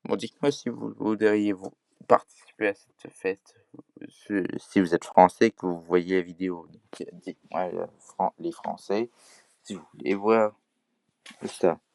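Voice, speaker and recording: A man's voice: sits low, fairly even intonation, a little slow, vocal fry, no room sound. A man with a Québécois accent talking casually to camera in a vlog, hesitant, with many fillers and restarts. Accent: Québécois French. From Quebec. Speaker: vlogger.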